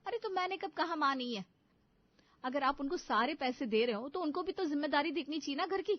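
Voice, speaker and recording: A sharp-tongued young wife who is touchy about money and quick to quarrel, as a woman narrator plays her. She talks in a complaining way at a fairly high pitch. The sound is dull and lo-fi. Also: animated, no room sound. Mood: pleading.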